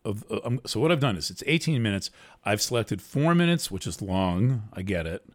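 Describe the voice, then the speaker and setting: A man hosting a show, talking through a monologue in a deliberately soft, earnest way. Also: on the low side, expressive. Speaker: host. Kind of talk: monologue commentary.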